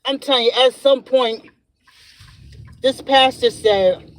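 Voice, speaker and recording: A woman's voice: sits high, takes it slowly, low-quality recording. A woman hosting a podcast in a casual solo chat from her car. She talks while driving, rambles, and laughs often as she tells stories. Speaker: podcast host. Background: faint road and vehicle noise.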